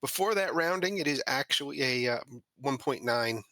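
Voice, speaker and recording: A man's voice: mid-range voice, animated, normal speed, pushed and bright, dry recording. A man hosting a podcast who reads a mocking scripted opening and then talks casually with his co-host. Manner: sardonic, mocking delivery.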